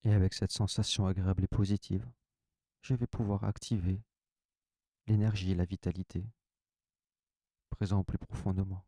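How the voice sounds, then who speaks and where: Deep-voiced man guiding slow relaxation. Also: dry recording. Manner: calm, soft, unhurried first-person instructions. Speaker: relaxation guide. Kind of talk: guided relaxation session.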